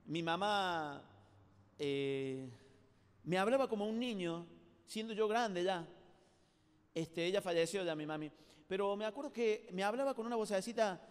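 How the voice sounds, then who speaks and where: A man's voice: high-pitched, smooth. A man with an Argentine accent preaching a live sermon to a youth congress, telling stories in a chatty, colloquial way and addressing the audience directly. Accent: Argentine Spanish. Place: large hall at a youth congress. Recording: reverberant live hall recording.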